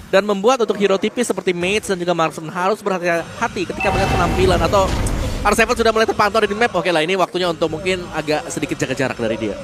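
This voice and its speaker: A man's voice: sits high, fast. A man with an Indonesian accent analysing a live esports match in an explanatory, emphatic manner. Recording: music playing behind voice.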